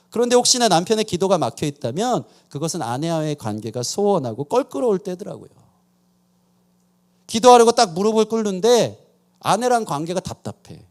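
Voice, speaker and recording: Lively Korean pastor, animated sermon. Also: male voice, high voice. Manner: animated storytelling with self-deprecating humor. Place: church sanctuary.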